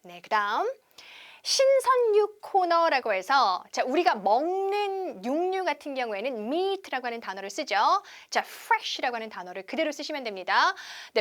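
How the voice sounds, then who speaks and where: High lively woman teaching english phrases, stretches each word out slow so you repeat it. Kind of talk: TV English conversation lesson.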